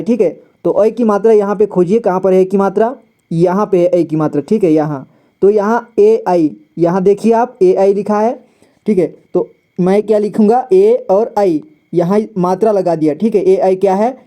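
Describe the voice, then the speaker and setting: A man teaching a lesson, patient and repetitive, often slowing down to spell out sounds. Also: high voice, warm tone. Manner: patient, repeats "ठीक है" often. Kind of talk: explaining a lesson.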